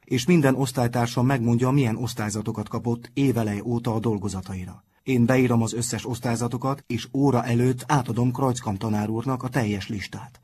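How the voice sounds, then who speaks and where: A man's voice: mid-range voice, steady tone, few pauses, darkish tone, husky, lightly acted. A man reading aloud and voicing an earnest, bold teenage schoolboy who takes the lead. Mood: explaining. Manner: earnest, eager.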